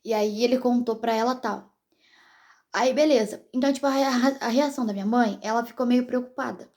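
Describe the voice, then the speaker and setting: Young woman, brazilian, casual vlog storytelling, gravelly fry, slightly high voice. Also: fairly quick, darkish tone. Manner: chatty, rambling, addresses viewers directly. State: pregnant. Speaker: vlogger.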